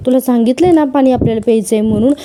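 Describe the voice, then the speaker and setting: A woman's voice: on the high side, rapid-fire, warm tone, slight background noise, lightly acted. A woman quoting a flustered young husband. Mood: placating. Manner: pleading, placating.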